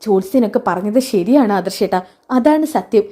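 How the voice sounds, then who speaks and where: A woman's voice: medium pitch, lively intonation, a little fast, dark tone, natural voice. A woman reading as a fretful sleepless young wife. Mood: troubled.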